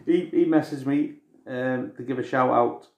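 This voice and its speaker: A man's voice: mid-range voice, moderate pace, gravelly, darkish tone, reverberant. An English man co-hosting a podcast in casual, informal chat, swearing now and then. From England. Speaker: podcast co-host.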